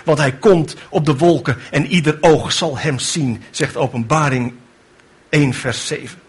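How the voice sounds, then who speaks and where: A man's voice: a little high, a little slow, husky. A man preaching a sermon with fervent delivery, building to emphatic rhetorical questions.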